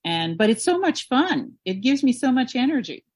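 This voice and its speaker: A woman's voice: high voice, big pitch swings, moderate pace, no room sound. A woman in her seventies from Canada, a model and podcast guest, tells her story in a candid, reflective way. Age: 70s. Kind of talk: interview storytelling.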